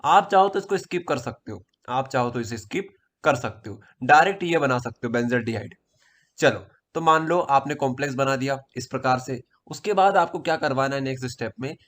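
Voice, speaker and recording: A man's voice: mid-range voice, a bit bright. A man from Madhya Pradesh teaching chemistry in a casual exam-prep lesson, repeating key points and asking and answering his own questions. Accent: Hindi-speaking Madhya Pradesh.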